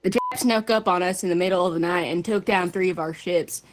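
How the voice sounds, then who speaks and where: Navy soldier played by a woman, low-pitched, folksy and earnest, testifying gravely on a 1940s wartime radio broadcast. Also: fairly quick, close to an everyday voice. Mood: grave, resolute. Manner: folksy, earnest, polite military address. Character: grave, devout, patriotic World War Two navy soldier.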